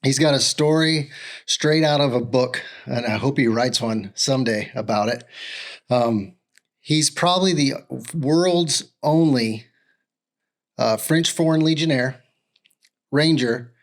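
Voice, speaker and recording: A man's voice: mid-range voice, slow. A man hosting a podcast, introducing his guest in an upbeat, enthusiastic way with a few fillers. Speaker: podcast host.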